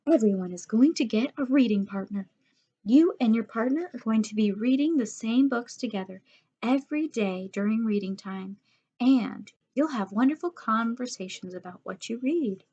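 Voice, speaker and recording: A woman's voice: on the high side, lively intonation, normal speed, dark tone, husky. A woman voicing a patient but firm schoolteacher with a sweet classroom tone, from a slightly dull audiobook recording. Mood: sweetly firm.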